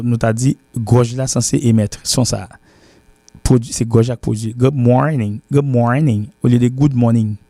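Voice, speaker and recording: Man, English teacher, warm mellow voice, dry close sound, repeats and spells words aloud. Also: mid-range voice, dry recording. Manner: repetitive, spells words letter by letter. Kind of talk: language lesson.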